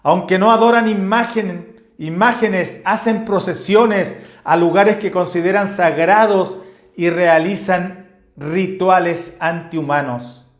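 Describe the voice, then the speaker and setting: A man's voice: sits high, steady tone, slow pace. A male pastor preaching a doctrinal sermon and citing Bible verses one after another. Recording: echoey room with faint music.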